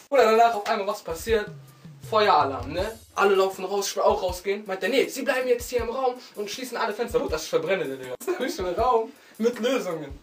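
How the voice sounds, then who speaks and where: A man's voice: sits high, recorded from a distance. A young man casually telling a school anecdote to friends in street slang. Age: young adult. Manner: street-slang storyteller, animated. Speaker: storyteller among friends.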